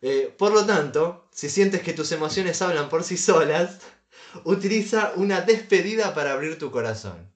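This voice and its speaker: A man's voice: on the high side, lively intonation, normal speed, echoey room. A man co-hosting a casual comedic podcast, reading advice aloud with dry asides and chuckles. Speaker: podcast co-host.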